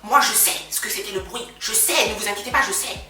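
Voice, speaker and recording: A man's voice: high voice, fast, music in the background, pitched below the performer's own voice, lightly acted. A woman quoting her paranoid male neighbor, who talks in muttered, suspicious threats; the recording is echoey and distant. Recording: echoey room from far off.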